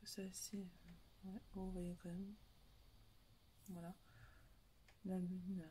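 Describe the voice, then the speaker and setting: A woman's voice: on the low side, little pitch movement, slow pace, warm tone, a little hiss or hum. Rambling woman vlogger. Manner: rambling, many fillers and restarts. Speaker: coloring hobby vlogger. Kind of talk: casual chat showing supplies.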